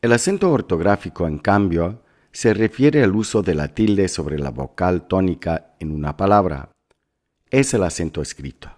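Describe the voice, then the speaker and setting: A man instructor reading scripted class notes in a measured, instructive way as a lesson voice-over. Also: low-pitched, expressive, darkish tone.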